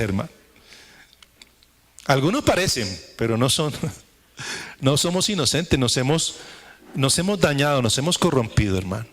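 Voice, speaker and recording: A man's voice: mid-range voice, fairly bright tone. A male pastor preaching a sermon to a congregation, repeating phrases for emphasis and often asking the listeners rhetorical questions. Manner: emphatic, repetitive preaching cadence. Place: church service with congregation.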